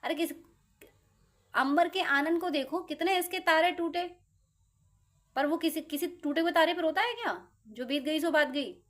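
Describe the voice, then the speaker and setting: A woman tarot reader, giving a casual motivational talk to her viewers in a chatty, playful way with quick acted-out asides. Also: extremely high pitch, fairly bright tone.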